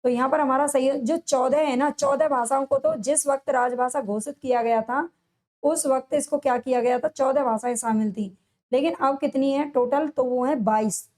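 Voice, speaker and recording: A woman teaching a lesson for competitive exams. She asks each question, answers it herself, and repeats the key answers slowly with stress. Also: high voice, fairly even intonation, darkish tone. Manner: drawn-out, stressed delivery on answers. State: sore throat. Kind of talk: exam-prep lesson, solving multiple-choice questions.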